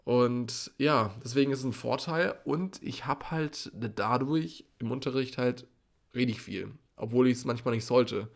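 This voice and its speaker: A man's voice: medium pitch, measured pace, vocal fry. A teenage boy co-hosting a casual podcast, rambling through school anecdotes with lots of fillers. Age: teens. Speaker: podcast co-host, school student.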